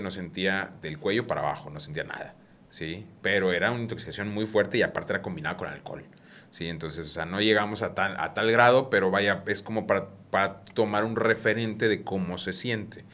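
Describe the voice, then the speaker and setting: Low-voiced doctor explaining at length. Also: male voice, a bit bright. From Mexico. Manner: explains at length, often checks in with listener, slows and lowers voice for effect. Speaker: cannabis physician guest. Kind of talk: explanatory podcast talk.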